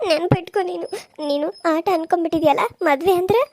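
Casting: woman voicing a very high, rapid-fire cartoon young wife, North Karnataka accent, defiant. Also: a little mellow, dry recording, studio quality. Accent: North Karnataka Kannada. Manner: shrill, scolding, tearful outbursts. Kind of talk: Kannada cartoon serial voice acting.

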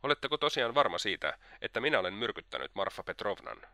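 A man's voice: lowish voice, big pitch swings, sharp tone, no room sound, studio quality. Man doing a taunting, mocking seducer. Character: scheming sensual man, mocking and persistent.

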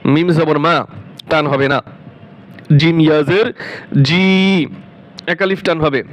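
A man's voice: fairly high pitch, slow. A man teaching Quran recitation, spelling out letters and drawing out each syllable, repeating words several times before explaining them. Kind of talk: slow spelled-out recitation lesson.

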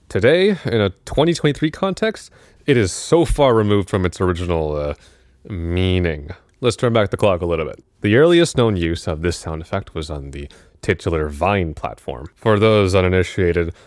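A man's voice: low-pitched, no echo, studio quality. A man narrating a video essay in a casual, conversational way, with asides and self-corrections.

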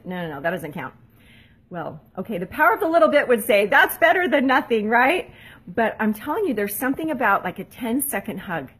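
A woman in her forties talks straight to her viewers like a friendly mentor, her tone slightly breathy and husky. She is chatty and laughs at herself, and she acts out everyday lines in a bright, much higher voice before dropping back to her own middle-pitched voice. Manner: laughs easily, chatty and self-deprecating. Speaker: mentor and blogger. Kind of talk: casual motivational talk to camera.

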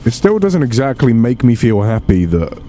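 A let's play host gives casual gameplay commentary, swearing freely and talking to the game's characters in bursts of exasperation. His mid-range voice is warm, swings widely in pitch, and moves at a moderate pace.

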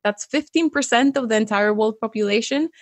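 Young woman from Venezuela, interview guest, friendly and clear, dry close studio mic sound. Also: fairly high pitch, fairly quick, dry recording. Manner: friendly, laughs often, explains clearly. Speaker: guest, web developer. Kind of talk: casual interview. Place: home room. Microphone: close studio mic with pop filter.

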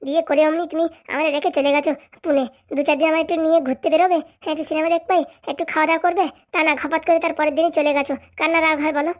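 A sulky, scheming young cartoon wife, voiced by a woman, who makes demands and pouts. Her voice is high and her words rattle out very fast. She sounds petulant and hard to please. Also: steady tone, lightly acted. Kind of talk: cartoon voice acting.

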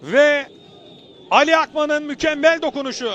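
A man commentating live on a football match in short, urgent phrases, excited and shouting at the big moments. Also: extremely high pitch, normal speed, very noisy.

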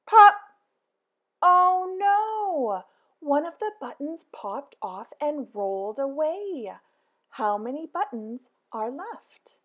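A woman reading a children's picture book aloud in a slow, sing-song way, with big excited exclamations. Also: high-pitched, phone-quality sound. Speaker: storybook reader.

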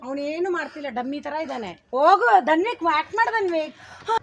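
A woman's voice: sits high, expressive, a little fast. A woman acting teacher directing child actors on a shoot, calling action and acting out each line for them to copy. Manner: coaching, demonstrating lines for the child to repeat.

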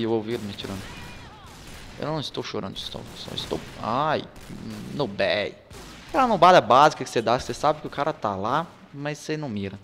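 A young Brazilian man giving excitable gameplay commentary, swearing, laughing and groaning as he plays. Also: mid-range voice, long reverb tail, a little hiss or hum. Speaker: gaming YouTuber. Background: game gunfire.

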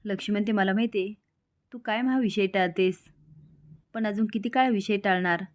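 A woman's voice: mid-range voice, a little fast. Woman recapping a TV serial plot. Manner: steady storytelling, reads characters' lines in quotes. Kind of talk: scripted serial recap narration.

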